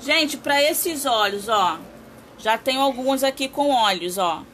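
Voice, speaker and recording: A woman's voice: high voice, animated, unhurried, fairly bright tone, a little hiss or hum. A woman hosting a casual craft live stream, chatting with viewers and greeting them by name.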